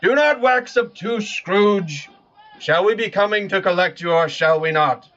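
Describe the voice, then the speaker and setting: A man's voice: sits high, measured pace, fairly bright tone, highs cut off. A man playing a mocking, grandiloquent ghost in an audio play, declaiming his insults in a theatrical way. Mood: insistent, ominous. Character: scornful, theatrical male Ghost of Christmas Present.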